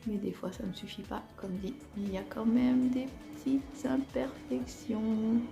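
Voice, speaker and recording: A woman's voice: fairly high pitch, fairly even intonation, measured pace, gravelly, mellow, echoey room, faint music behind. A woman with an Alsatian accent chatting casually through a makeup tutorial, talking while she applies her makeup, with lots of fillers. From Alsace, France. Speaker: beauty vlogger.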